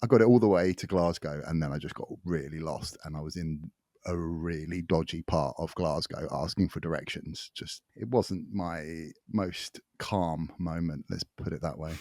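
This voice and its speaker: A man's voice: a bass voice, moderate pace, a little mellow, no room sound, studio quality. A man with a casual, joking manner who swears freely and laughs at his own stories, co-hosting a podcast. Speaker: podcast co-host. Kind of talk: casual chat. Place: home in the far north of Scotland.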